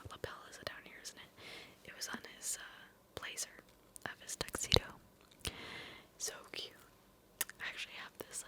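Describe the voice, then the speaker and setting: A woman tells a personal story in ASMR style, in a breathy, intimate cupped-hand whisper with a rambling, hesitant delivery. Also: poor audio. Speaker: ASMR video creator.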